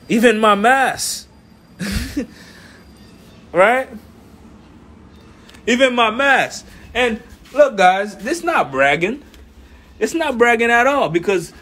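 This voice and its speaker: A man's voice: sits high, fairly bright tone. A young man born in Haiti, talking casually to his phone camera at home about forex and money. He speaks emphatically, repeats himself and keeps asking "right?". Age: young adult. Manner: emphatic, repeats phrases, asks "right?" often. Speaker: forex trading vlogger. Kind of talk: casual motivational talk to camera. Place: indoors at home, small room. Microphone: phone held at arm's length.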